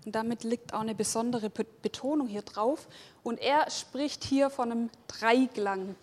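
A woman's voice: fairly high pitch, moderate pace, darkish tone. A woman preaching a sermon, speaking emphatically, stacking repeated phrases and putting questions straight to her listeners. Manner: addresses listeners directly with questions.

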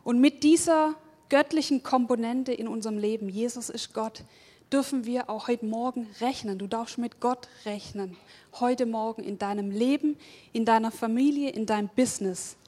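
A woman with a slightly high, mellow voice preaches a sermon at a moderate pace. She speaks emphatically, piling up repeated phrases and addressing her listeners directly with questions.

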